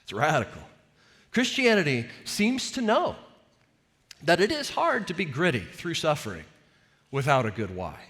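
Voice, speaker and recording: Male pastor, sermon, animated rising and falling delivery, earnest and conversational, reverberant church hall. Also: fairly high pitch, normal speed, pauses often. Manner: earnest, conversational preaching with varied emphasis. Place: church sanctuary.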